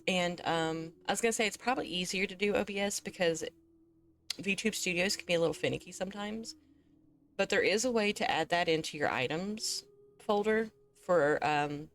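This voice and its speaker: Sleepy lady streamer yawning thru casual chat w chat, lowish voice, lots of laughs. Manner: relaxed, chatty, laughs often. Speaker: VTuber streamer.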